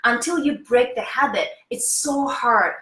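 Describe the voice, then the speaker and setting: A lively woman in her fifties leads a face yoga class, her voice sitting a little high. She is eager and chatty, often pausing to ask the viewer "okay?" The room around her has a noticeable echo. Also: soft background music. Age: 50s. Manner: enthusiastic, keeps checking in with "okay?". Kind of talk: interactive online lesson.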